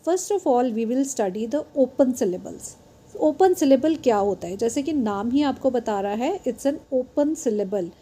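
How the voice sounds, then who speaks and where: A woman teaches syllables to beginners, mixing Hindi with English and spelling words letter by letter. Her voice sits a little high but sounds soft and mellow. She talks very slowly, drawing out each example word. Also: animated. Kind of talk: phonics lesson for beginners.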